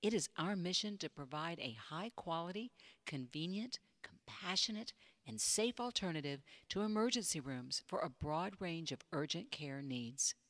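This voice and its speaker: A woman narrating a scripted promotional infomercial in a polished, measured sales-pitch manner. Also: lively intonation, fairly bright tone, no echo. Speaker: commercial voice-over announcer. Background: music bed.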